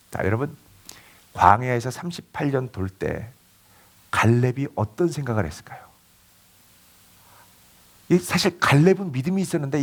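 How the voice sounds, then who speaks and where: Male pastor, high voice that swoops, dramatic storytelling sermon. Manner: animated storytelling, acting out quoted voices.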